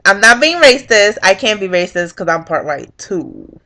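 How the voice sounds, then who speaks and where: A woman's voice: medium pitch, very animated, moderate pace, sharp tone. A young woman telling a story on her vlog in a casual, profane way, acting out what people said. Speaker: vlogger.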